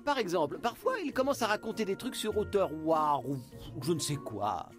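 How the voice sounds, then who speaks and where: A woman's voice: lowish voice, very animated, moderate pace. Reserved neighbor man read by a woman, lilting and hesitant, faint music behind. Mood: calm. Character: mild-mannered adult man, vague and reserved.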